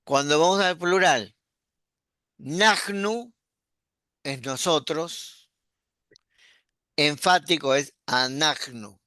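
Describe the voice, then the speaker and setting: A man, a pastor teaching an online class, explaining patiently and repeating words slowly. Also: fairly high pitch, pushed and bright, dry recording, studio quality.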